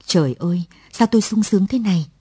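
A woman reading the part of a dazed young father in a radio story, his lines slow and wondering before turning tender. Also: fairly low pitch, lively intonation, dark tone, husky, no echo, full character voice. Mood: overjoyed. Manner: dazed then exultant.

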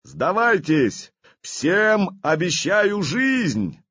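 A man voicing a proud, commanding warrior prince who shouts across a battlefield in a storybook reading. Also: sits high, big pitch swings, extremely slow, breathy edge, dry recording, highs cut off, pitched above the performer's own voice, exaggerated voice. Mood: booming commanding.

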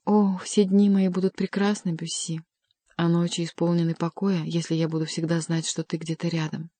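A woman's voice: lowish voice, little pitch movement, normal speed, dry recording, lightly acted. Tender young noblewoman, read by a woman. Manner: gentle, lyrical.

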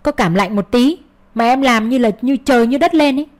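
A woman's voice: a little high, brisk, voice pushed up, natural voice. A woman playing a curt, dismissive husband. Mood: irritated. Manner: cold, dismissive.

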